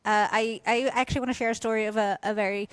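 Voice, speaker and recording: A woman's voice: on the high side, fairly even intonation, quick pace, clean tone, no room sound. Woman in her thirties hosting live. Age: 30s. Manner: friendly, inviting, recaps for listeners. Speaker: podcast host. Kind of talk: hosting a live podcast recording.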